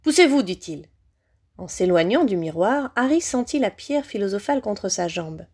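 A woman reading a fantasy novel aloud in an expressive, dramatic narration. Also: medium pitch, moderate pace, breathy edge. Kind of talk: audiobook narration.

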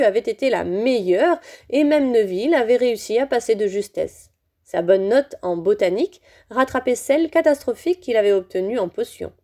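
A woman reading a children's novel aloud in a steady, expressive way. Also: medium pitch. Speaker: audiobook reader. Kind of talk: storybook read aloud.

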